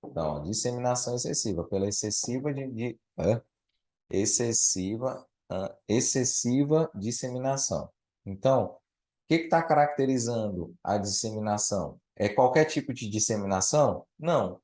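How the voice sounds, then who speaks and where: A man's voice: mid-range voice, lively intonation, moderate pace, a little mellow. Male teacher walking a student through grammar, patient, keeps asking if she gets it. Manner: patient, explains step by step with questions. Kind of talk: live grammar tutoring.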